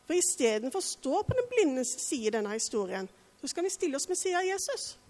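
A woman's voice: high-pitched, very animated, darkish tone, long reverb tail. A woman preaching a sermon in an earnest way, asking the listeners direct questions.

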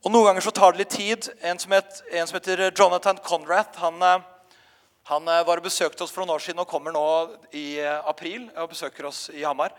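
A male pastor delivers a sermon with a notably high voice. He tells his stories with plenty of hesitations and small restarts. His words echo with the long reverb of a church hall. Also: steady tone. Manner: storytelling with frequent hesitations.

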